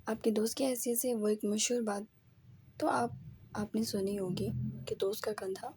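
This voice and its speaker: A woman voicing a gentle young man who speaks softly and pleadingly in an audio novel. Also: mid-range voice, fairly even intonation, background noise, lightly acted. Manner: soft, pleading.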